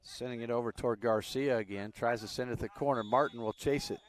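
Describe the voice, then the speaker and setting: A man doing live play-by-play commentary on a youth soccer match, relaxed and chatty with frequent fillers. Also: mid-range voice, quick pace.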